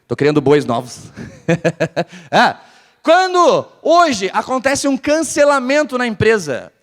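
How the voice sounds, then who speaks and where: A high-voiced man with a southern Brazilian gaúcho accent speaks to a live audience in a large hall. He talks with an energetic, swooping delivery and keeps throwing questions at the crowd. His voice carries a long reverb from the room. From Porto Alegre, southern Brazil. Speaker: conference speaker. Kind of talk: live motivational business talk.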